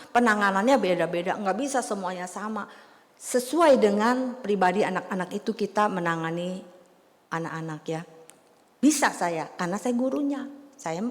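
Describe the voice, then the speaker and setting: A woman in her fifties preaching in a relaxed, storytelling way, talking straight to the congregation. Her mid-pitched voice rings out with the long reverb of a church hall. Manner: chatty, storytelling, addresses congregation as saudara. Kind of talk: sermon.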